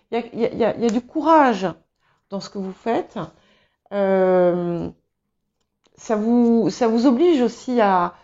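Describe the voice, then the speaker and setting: Recorded on a small clip-on mic with a slightly dull, lo-fi quality, a tarot reader delivers her reading at a slow, halting pace full of fillers and restarts. English is her first language, and her medium-pitched voice stays mellow and unhurried.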